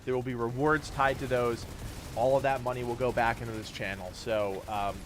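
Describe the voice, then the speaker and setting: A thirty-year-old man streams live, his voice turning hoarse and stuffy as he rambles gratefully through thanks for viewer donations, laughing often. He speaks at a normal speed with a medium pitch and steady tone, against a noisy background.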